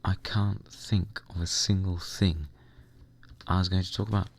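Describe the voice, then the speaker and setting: A young man with a hoarse, croaky voice, chatting casually and rambling while playing a computer game. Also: low voice, little pitch movement, measured pace. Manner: rambling, chatty, mild swearing. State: hoarse, recovering lost voice. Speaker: gaming vlogger. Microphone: desk microphone at computer.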